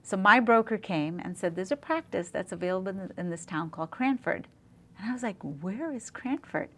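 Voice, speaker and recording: A middle-aged woman from Zambia, a dentist, talking in a casual interview with eager, warm storytelling and frequent fillers. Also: medium pitch, animated, moderate pace, a little hiss or hum.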